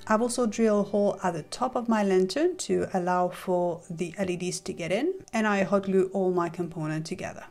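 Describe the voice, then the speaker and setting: Woman, tutorial voice-over, methodical and practical, middle pitch, light music bed behind. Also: fairly quick, few pauses. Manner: calm, methodical, practical explanation. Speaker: model maker explaining her build.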